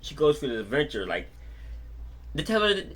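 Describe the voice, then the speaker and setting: Speaking at normal speed in a fairly high-pitched voice, a man gives an offhand, unscripted movie review. He rambles excitedly, repeating himself a lot while recounting scenes.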